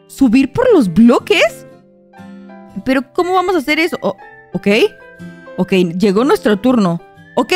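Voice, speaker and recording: Excitable high-voiced woman gaming. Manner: excitable, talks to viewers, shrieks when startled. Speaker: gaming YouTuber. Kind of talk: Roblox gameplay commentary.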